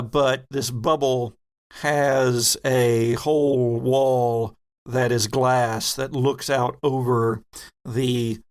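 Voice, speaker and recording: A man with a mid-range voice acts as game master for a tabletop horror roleplaying game. He narrates haltingly and deliberately, filling the scene with vivid detail.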